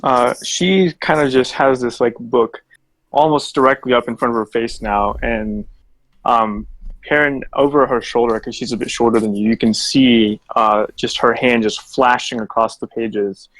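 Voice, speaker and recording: A man's voice: mid-range voice, steady tone, moderate pace, a bit bright, dry recording, poor audio. A man playing a tabletop role-playing game, casually narrating what his character does.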